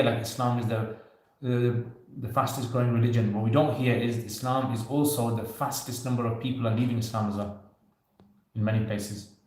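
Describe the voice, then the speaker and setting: Speaking with a medium-pitched, slightly mellow voice, a thirtysomething man runs a relaxed livestream Q&A and answers questions from viewers. The manner is loose and conversational, full of "you know" and easy joking, and the room sounds very echoey.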